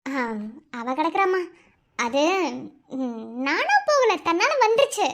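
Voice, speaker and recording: A woman voicing a young orphaned woman in an animated cartoon, speaking softly and emotionally. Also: extremely high pitch, slow, full character voice. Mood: tender.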